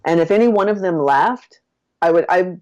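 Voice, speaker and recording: A woman business coach, a podcast guest, telling a personal story in a casual, lively way with lots of "like" and "I'm like". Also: normal speed. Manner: lively storyteller who acts out her own past lines with big jumps in pitch. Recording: dull lo-fi podcast audio.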